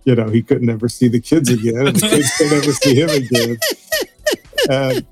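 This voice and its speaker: A man's voice: mid-range voice, fairly even intonation, moderate pace, very noisy. A man guest on a live stream, rambling, restarting his sentences and swearing casually. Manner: rambling, profane, restarts a lot. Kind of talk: casual group chat.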